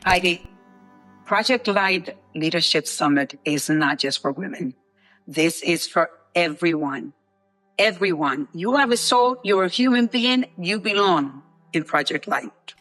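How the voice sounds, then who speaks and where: A woman's voice: on the low side, expressive, measured pace, a bit bright. Interview guest, woman from the Dominican Republic, eager and emphatic, faint music underneath. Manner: enthusiastic, emphatic, repetitive. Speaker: guest, co-founder of a leadership program. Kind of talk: interview answers.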